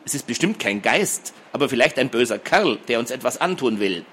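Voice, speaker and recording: A man reading a fantasy story and voicing a calm, sensible teenage girl who speaks softly. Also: mid-range voice, a little fast, slight background noise, lightly acted. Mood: calm hushed. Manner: soft, calm, reassuring. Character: calm, level-headed teenage girl, twin sister.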